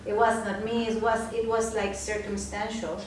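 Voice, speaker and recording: A woman with a mid-pitched voice talks in a reflective, emphatic interview style. She sounds set back from the microphone in a strongly echoing space. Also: flat delivery, normal speed. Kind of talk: conversational interview. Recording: very echoey, distant mic, faint noise.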